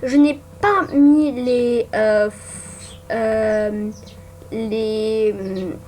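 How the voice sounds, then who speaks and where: A young woman who makes gaming videos for YouTube talks casually while building a ranking on her computer, captured as a screen recording. Her slightly high, mellow voice draws out words, and she hesitates often with fillers and restarts. Keyboard typing and faint background noise can be heard.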